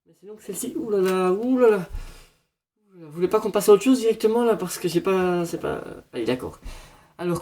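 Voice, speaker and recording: A man's voice: high-pitched, dark tone. A man doing a parody horoscope reading, rambling in a mock-solemn fortune-teller manner. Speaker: comedian.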